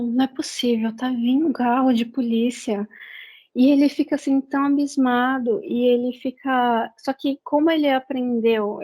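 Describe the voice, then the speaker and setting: A woman's voice: a little high, darkish tone, lo-fi sound. A woman with a Brazilian Portuguese accent retelling a novel's plot in a casual, rambling book review, full of fillers and restarts.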